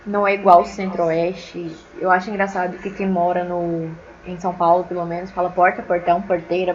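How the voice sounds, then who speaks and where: A woman teacher with an Acre Brazilian accent, giving a casual online lecture in a chatty, expressive, opinionated way. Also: mid-range voice, dull audio, slight background noise. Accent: Acre Brazilian Portuguese.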